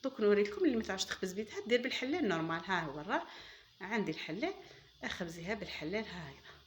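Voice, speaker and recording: There's slight background noise as a woman speaks very fast in a sing-song, medium-pitched voice. She hosts a cooking channel with an Algerian Arabic accent, chatting through a recipe demonstration, calling viewers "girls" and offering enthusiastic praise.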